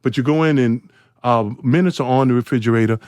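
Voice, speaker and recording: A man in his forties, a podcast guest, telling an animated story. He laughs often and jumps into high, excited voices. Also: fairly quick, smooth.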